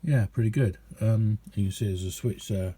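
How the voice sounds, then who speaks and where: A husky, warm voice on the low side belongs to a man showing off his radio hobby hands-on. He rambles in a casual, chatty way, hesitating now and then and taking his time.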